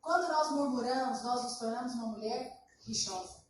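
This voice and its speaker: A woman pastor delivers a sermon, moving between story and scripture and acting out both sides of a conversation. Her voice sits high. The recording is distant and very echoey, with a steady room noise behind her. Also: normal speed. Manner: animated storytelling, acting out dialogue. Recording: echoey church hall from far off.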